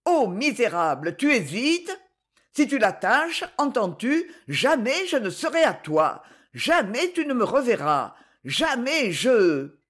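A reader voicing a fearless, desperate young heroine who pleads and commands feverishly, in an audiobook reading. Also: female voice, fairly high pitch, very animated, unhurried, few pauses.

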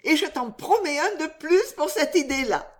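A woman's voice: high-pitched, big pitch swings, a little slow, pitched above the performer's own voice. A woman voicing Riquette, a frank, playful young woman in love, in a dramatized story reading.

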